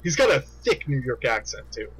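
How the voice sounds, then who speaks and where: A man co-hosting a casual comedy podcast, an animated storyteller who laughs a lot. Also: mid-range voice, moderate pace, breathy edge, low-quality recording. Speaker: podcast co-host.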